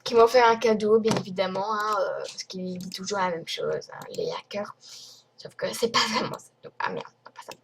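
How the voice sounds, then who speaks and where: A woman's voice: medium pitch, a little fast, vocal fry, hardly any pauses, slight background noise. A young woman from France ranting to her viewers in a rambling, indignant way, full of fillers. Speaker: vlogger. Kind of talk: casual screen-recorded rant.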